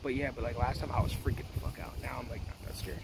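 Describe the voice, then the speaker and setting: A man's voice: medium pitch, steady tone, quick pace, creaky, a crowd in the background. A man chatting casually and teasing, swearing freely while exploring. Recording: noisy outdoor camera audio.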